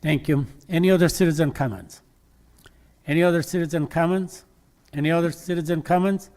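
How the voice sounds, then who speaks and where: A man's voice: on the high side, darkish tone. Man chairing a council meeting. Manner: brisk, repetitive procedural calls. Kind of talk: formal meeting procedure.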